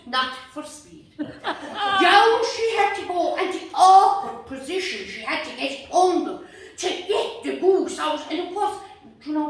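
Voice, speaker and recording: Female Irish comic storyteller, high pitch, colloquial and animated, heavily echoing room. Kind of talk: live comic folk storytelling. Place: indoor cottage gathering. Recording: very echoey room, distant microphone.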